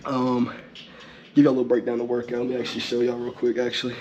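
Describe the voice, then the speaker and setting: Young man vlogging from a locker room, flat pitch. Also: fast talker. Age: young adult. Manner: slangy, laid-back talk. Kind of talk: casual vlog talk to camera. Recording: dull lo-fi audio, faint background noise.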